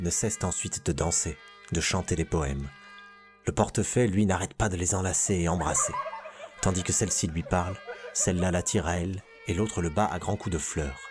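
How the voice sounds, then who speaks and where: A man with a very low voice reads a tale aloud in a measured, expressive way. Soft music plays faintly beneath his storytelling. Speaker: narrator. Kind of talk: storybook reading.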